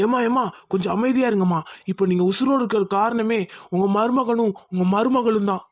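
A performer voicing a calm, firm hospital doctor in a cartoon who lectures a patient's family. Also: mid-range voice, a little fast, lightly acted. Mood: lecturing. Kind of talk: Tamil cartoon voice acting.

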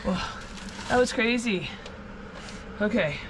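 A woman's voice: on the high side, animated, takes it slowly, background noise. A woman in her forties vlogging from her boat, chatty and upbeat but weak and shaky after being ill, filmed on an action camera at arm's length. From Canada. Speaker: sailing vlogger. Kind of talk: casual vlog talk. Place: boat wheelhouse and deck, outdoors on water.

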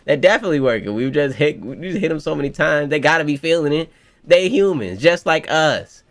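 An excitable man streaming a live reaction, with a somewhat high voice that swings widely in pitch. He laughs often and breaks into loud exclamations. He talks to his viewers in a loose, casual way.

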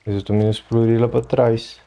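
A man chatting to himself while playing a game, shouting in the fights. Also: medium pitch, little pitch movement, fast talker, gravelly. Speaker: gameplay commentator. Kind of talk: let's play commentary.

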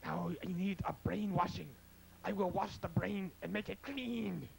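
A man's voice: high voice, a little slow, creaky, heavily acted. A young man playing a pompous, fearless alien warlord in a 1950s sci-fi B-movie parody, making grandiose, stilted declarations. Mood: defiant. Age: young adult. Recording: noisy old amateur videotape with hum.

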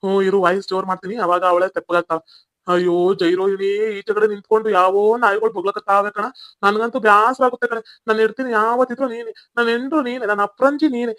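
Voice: mid-range voice, level tone, quick pace, a bit bright, no echo, close to an everyday voice. A performer with a North Karnataka Kannada accent voicing a smug, swaggering cheating husband in a cartoon comedy. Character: smug cheating husband, rich village man.

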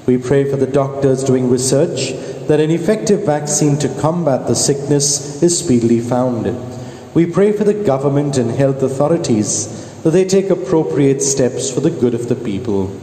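A man leading Mass as a priest, reciting prayers in a measured, solemn way, his voice ringing with cathedral echo. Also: medium pitch, lively intonation, mellow. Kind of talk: liturgical prayer. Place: large church. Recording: long church reverb, faint room hiss.

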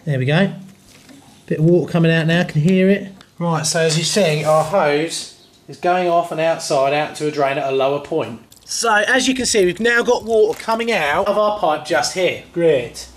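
Chatty British plumber, somewhat high voice. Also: male voice, moderate pace, slight background noise. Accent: British English. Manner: chatty and jokey, cheeky asides. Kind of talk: hands-on plumbing tutorial. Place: inside a house, airing cupboard and rooms. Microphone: wide-angle camera held close or set on floor.

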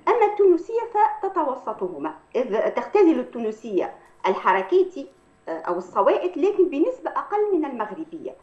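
A woman, an Arabic language professor, explains in a measured academic way and often pauses on hesitation sounds. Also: high-pitched, huge pitch swings. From Tunisia. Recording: echoey, dull lo-fi sound.

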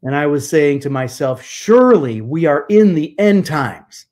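A man in his fifties, a guest church historian, speaking over a video call from a home study, emphatic and animated with rhetorical questions. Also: on the high side, unhurried. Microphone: video call webcam.

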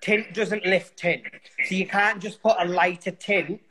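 Hairdresser guy on a video call, slightly high voice, keeps repeating stuff to make the point. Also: fairly even intonation, unhurried, crowd noise, rough recording. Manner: explains patiently, repeats for emphasis. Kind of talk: casual video call chat.

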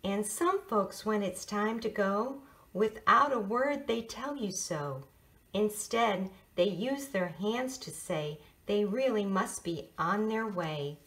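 A female teacher reading a children's picture book aloud, playful and expressive. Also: mid-range voice, slow. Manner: sing-song, playful, expressive read-aloud. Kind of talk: storybook read-aloud for children.

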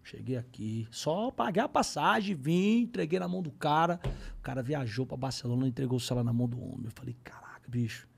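A man, a comedian telling a comic story on a podcast in slangy, profane talk, swinging between low mutters and loud exclamations. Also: expressive, fairly quick, gravelly, slight background noise.

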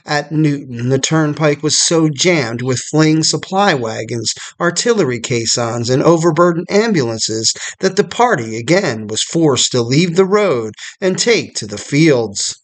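Slightly high-voiced man narrating history. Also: animated. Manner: measured storytelling read. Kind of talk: scripted documentary narration.

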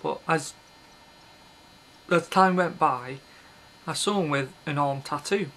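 This thirties-aged video blogger sits indoors in a small red-curtained bedroom, rambling to camera in a blunt, offhand way and frequently cutting himself off mid-thought. He speaks slowly in a voice on the high side that sounds pushed and bright, recorded on the webcam's built-in mic with a little hiss or hum.

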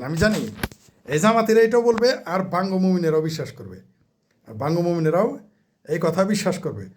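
Male political commentator, mocking and heated, slightly high voice, fires rhetorical questions. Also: a little mellow. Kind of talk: ranting political monologue.

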